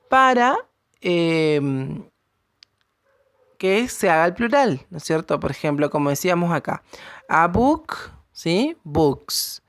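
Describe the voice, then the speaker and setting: Slow, patient woman teaching English. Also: mid-range voice, no room sound. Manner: explains slowly, checks in with a questioning tag after each point. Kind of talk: recorded classroom lesson.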